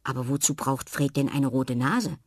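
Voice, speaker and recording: A woman's voice: very deep voice, normal speed, dry recording, studio quality, voice pushed down. A woman voicing a friendly, welcoming old male magician in a storybook. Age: older. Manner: warm, welcoming, gentle.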